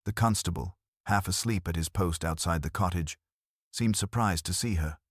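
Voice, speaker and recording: A man calmly narrating a mystery audiobook in a measured reading. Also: low voice, dry recording, studio quality.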